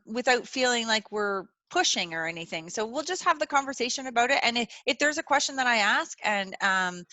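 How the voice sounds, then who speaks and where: A woman's voice: a little high, bright, forceful tone, no echo. A woman hosting a webinar over a video call, chatting casually and reassuringly, with lots of "like" and "you know". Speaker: webinar host. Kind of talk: casual chat.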